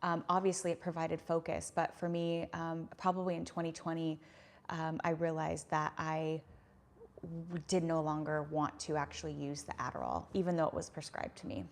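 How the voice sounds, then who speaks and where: A woman in her thirties with a deep voice and fairly even intonation hosts a casual YouTube livestream at normal speed. She reads viewer comments and rambles earnestly with lots of fillers.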